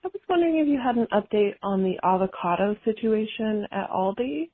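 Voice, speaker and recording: A woman's voice: mid-range voice, lively intonation, a little fast, husky, no room sound. A woman leaving a light, jokey voicemail message, heard over a phone line.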